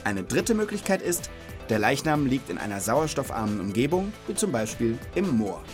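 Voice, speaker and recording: A children's knowledge podcast host speaks in a sing-song, medium-pitched voice at a moderate pace, with music behind him. He explains things casually and curiously to a child, checking back with questions.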